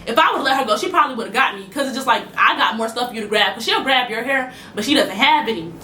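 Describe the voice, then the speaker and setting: Young woman storyteller, bright and rapid, echoey room. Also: a little high. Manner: animated, fast-talking, acts out quotes. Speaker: storytime vlogger. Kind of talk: casual storytelling to camera.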